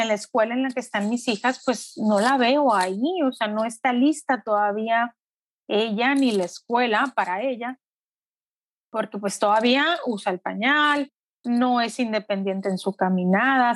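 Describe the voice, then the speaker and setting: A middle-aged woman and mother telling her story in an earnest, reflective way, often slowing down. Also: on the high side. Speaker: interviewee, mother. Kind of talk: emotional personal testimony.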